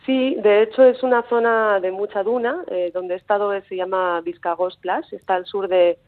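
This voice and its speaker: Speaking at a moderate pace in a mid-range, fairly even voice, a Basque-born coastal researcher in her thirties answers a phone interview in Spanish with a Mexican-tinged accent. The audio comes through a tinny phone line, and she sounds hesitant, with frequent fillers and restarts.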